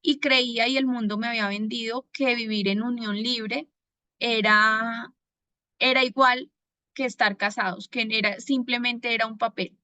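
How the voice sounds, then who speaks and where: A woman from Bogotá with a Colombian accent, giving a personal faith testimony in an earnest manner, pausing often to gather her words. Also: on the high side, steady tone, bright, forceful tone, no echo. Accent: Bogotá Colombian Spanish. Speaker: testimony giver.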